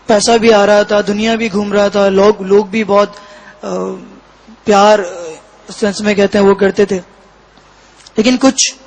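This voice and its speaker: A man giving a personal testimony as an interview guest, talking in a halting, reflective way with frequent pauses. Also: high voice, low-quality recording. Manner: halting, reflective, pausing often between phrases.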